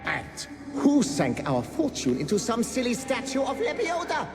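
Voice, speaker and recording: In video game dialogue acting, a man plays a bitter, sarcastic dead nobleman and gambler, exasperated, outraged and theatrical. His full character voice is very high with wildly swooping pitch at normal speed, music behind it and long hall reverb on the recording.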